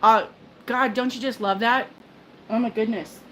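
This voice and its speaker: Her voice a little high, steady and fairly bright at normal speed, an older woman hosts a relaxed livestream from her phone. She wanders through the talk chattily, breaking in on herself with fillers, restarts and little laughs. Poor audio with a little hiss or hum.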